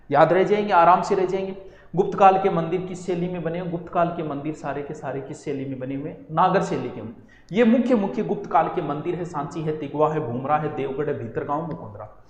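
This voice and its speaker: High-voiced man teaching in an echoey hall. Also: a little hiss or hum. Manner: lively, asks and answers his own questions. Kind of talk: exam coaching lecture.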